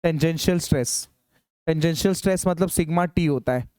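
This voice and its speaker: Guy teaching engineering class, high smooth voice, dry sound, keeps telling students to hurry. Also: darkish tone, dry recording. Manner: urges students to hurry, dictates formulas slowly. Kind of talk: classroom lecture solving problems.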